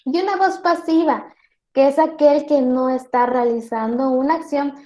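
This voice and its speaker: A woman teacher giving a virtual class lecture, explaining slowly with many spoken examples and checking in with her students. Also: sits high, dark tone. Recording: roomy echo.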